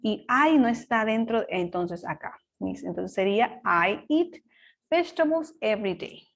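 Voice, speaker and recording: A woman's voice: mid-range voice, lively intonation, unhurried, vocal fry. A woman voicing a young student who thinks aloud and asks her teacher questions. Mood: puzzled.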